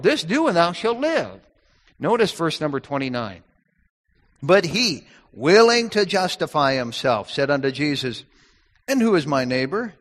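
Male preacher, high lively voice, folksy expository sermon, long hall reverb. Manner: animated, folksy, acts out quoted voices.

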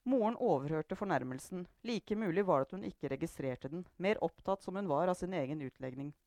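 A woman reading a novel aloud in measured narration. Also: on the low side, lively intonation, darkish tone, dry recording. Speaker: reader. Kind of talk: book reading.

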